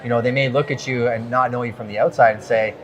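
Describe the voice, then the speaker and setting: A man's voice: medium pitch, steady tone, fast. A middle-aged man hosting a conversational interview, upbeat and hyping up his guest. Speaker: interviewer, show host.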